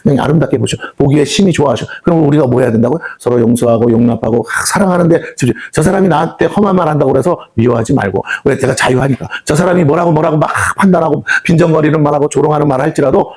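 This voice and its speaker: A man's voice: on the high side, rapid-fire, hardly any pauses, a little mellow. A man preaching a sermon in a prayer house hall, firing rhetorical questions at his listeners and acting out people's reactions with sighs. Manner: call-and-response questions to the congregation; acts out quoted reactions with sighs.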